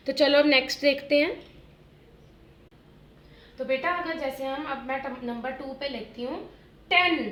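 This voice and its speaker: A woman teacher walks small children through rhyming words, stretching each one out slowly and having them repeat after her. Her voice sits high and bright. It rings in an echoey room. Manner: slow, drawn-out word drills addressed to children as "beta". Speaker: primary school teacher. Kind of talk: online phonics lesson for young children.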